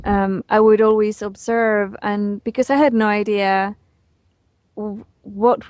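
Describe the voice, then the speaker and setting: A woman's voice: mid-range voice, fairly even intonation, slow, a little mellow, no room sound, muffled recording. A woman in her forties from Chile, telling stories in a casual interview, with hesitant, restarting phrasing and easy laughter. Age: 40s. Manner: hesitant, many fillers and restarts, laughs easily. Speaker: interview guest. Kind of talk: casual conversational storytelling.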